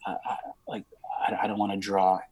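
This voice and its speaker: A husky-voiced man in his thirties, from Romania, speaks as an interview guest. He rambles and searches for words, full of fillers and restarts, now and then dropping a swear word. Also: on the low side, completely flat delivery, brisk, darkish tone, low-quality recording. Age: 30s. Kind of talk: casual interview conversation.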